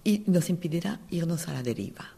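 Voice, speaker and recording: A man interpreting live, with a fairly high voice and a long reverb trailing off his words. He follows each phrase closely, filling in and rephrasing on the fly. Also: animated, brisk, vocal fry, dark tone, slightly rough.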